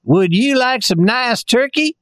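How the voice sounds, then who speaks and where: A man's voice: very high voice, lively intonation, measured pace, a bit bright, no echo, pitched above the performer's own voice, full character voice. Storybook tin soldier, hearty and a bit bossy, in a raised, dry voice, played by a man. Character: kind, bossy male tin soldier toy.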